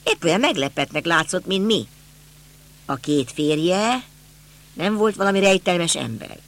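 A man's voice: high voice, expressive, a bit bright. A man doing a puzzled young detective.

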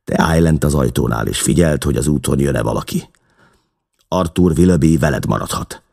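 A man's voice: rumbling low, expressive, gravelly, a little mellow, slightly rough, heavily acted. A man voicing a brutal, bossy gang leader who gives orders in an audiobook reading. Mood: commanding. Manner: commanding.

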